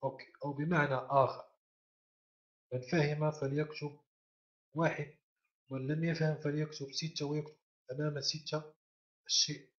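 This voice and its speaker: High-voiced male teacher in echoey classroom. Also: little pitch movement, normal speed, pauses often, a bit bright. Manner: repeats and drills sounds patiently, quizzes the class. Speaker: language teacher. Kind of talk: classroom lesson. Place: classroom with students. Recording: echoey room, dull lo-fi sound.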